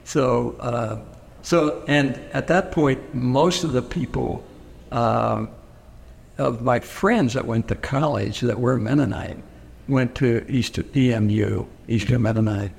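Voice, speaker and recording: A man with a medium-pitched voice and vocal fry takes his time as he describes his upbringing in an oral history interview. He is from Pennsylvania, grew up speaking Pennsylvania Dutch first, and talks hesitantly with frequent fillers and restarts, in a recording with long reverb and faint noise.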